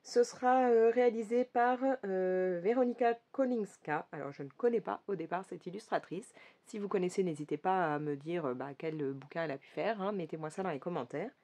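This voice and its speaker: A woman's voice: lowish voice, a little fast, dark tone. Chatty woman vlogging, full of fillers. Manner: chatty, many fillers and self-corrections. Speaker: coloring vlogger. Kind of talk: casual chat about upcoming coloring books.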